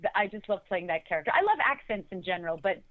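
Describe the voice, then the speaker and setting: A woman's voice: medium pitch, sing-song, fast. Gushing woman on a tinny line. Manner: enthusiastic, rambling with many restarts. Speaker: actress guest. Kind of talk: interview answers. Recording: tinny phone-like line, dry.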